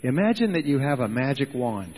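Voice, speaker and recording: A man giving a motivational seminar talk, speaking emphatically in short, measured phrases for an interpreter. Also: medium pitch, big pitch swings, darkish tone, breathy edge, big-room sound, low-quality recording.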